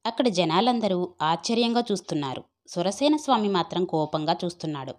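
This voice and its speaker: A woman narrates an audio story in a steady, scripted way. Her voice sits a little low. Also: fairly quick.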